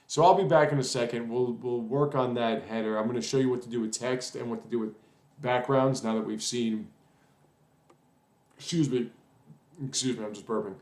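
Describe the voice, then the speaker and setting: A man talks through a web coding lesson in a loose, rambling way, pausing to think aloud and filling gaps as he goes. His voice sits at an ordinary middle pitch. The recording has a noticeable roomy echo. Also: fairly even intonation, darkish tone. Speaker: web development tutor. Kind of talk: casual screen-recorded coding tutorial.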